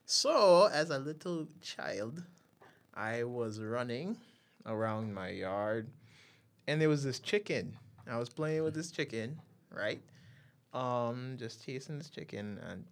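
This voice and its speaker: A man's voice: mid-range voice, animated, takes it slowly. A man from Guyana, a guest telling stories in a casual, laid-back conversation.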